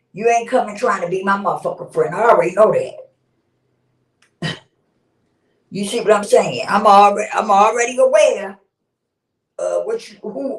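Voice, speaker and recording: Far from the mic and turned away from it, a livestream host in her fifties talks frankly and informally in a medium-pitched voice. She swears freely and laughs a lot, and the room gives the sound a roomy feel.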